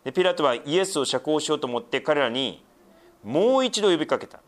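A man's voice: on the high side, big pitch swings, a little fast. A middle-aged male pastor giving a sermon, explaining scripture with frequent asides and a conversational, teaching tone.

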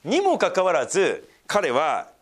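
A man preaching a sermon, reading scripture aloud and then explaining it with lively asides. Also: high voice, a little slow, breathy edge. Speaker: pastor.

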